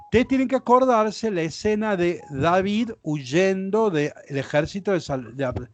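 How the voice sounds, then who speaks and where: A man with a Rioplatense Spanish accent teaches a Bible class as a priest, speaking slowly in a high, lively voice. He explains patiently and keeps asking his listeners whether they follow. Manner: explanatory, frequent checks like ¿sí? and ¿ven?.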